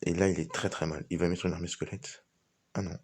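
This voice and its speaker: A man's voice: low-pitched, little pitch movement, a little fast, a little mellow, breathy edge. A man giving casual, informal live commentary on a game as he plays, thinking aloud. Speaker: gaming video host.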